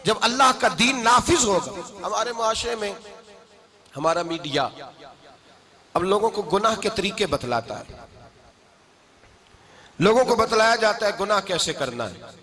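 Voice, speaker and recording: Fervent preacher, high-voiced man. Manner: fervent, swells to shouting, sing-song cadence. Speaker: Islamic preacher. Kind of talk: impassioned sermon. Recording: live gathering with audible crowd.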